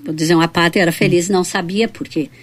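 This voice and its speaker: A middle-aged woman from southern Brazil with a Rio Grande do Sul accent, a city councillor reminiscing in a relaxed interview and tagging her sentences with questions. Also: fairly low pitch, fast. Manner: reflective, tags sentences with "né?". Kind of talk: casual reminiscing conversation.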